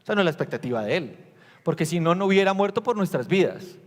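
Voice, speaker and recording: A male pastor preaching to his congregation in a slightly higher voice, caught on a recording with the long ringing reverb of a church hall. He tells the story with animation, acting out the disciples' lines and putting questions to the congregation. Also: big pitch swings, quick pace. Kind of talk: sermon.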